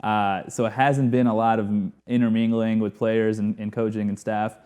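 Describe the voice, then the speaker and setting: Soft-spoken deep-voiced male guest. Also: flat delivery, clean tone. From Houston, Texas. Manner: measured, hesitant, with restarts and fillers. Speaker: guest, sports team lawyer. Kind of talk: casual interview chat.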